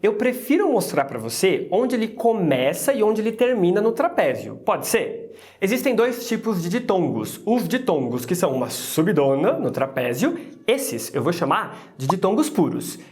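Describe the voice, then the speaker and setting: A woman's voice: mid-range voice, a little mellow. A Brazilian woman teaching English pronunciation in a playful, chatty way, with exclamatory asides. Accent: Brazilian Portuguese. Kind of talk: casual explanatory lesson.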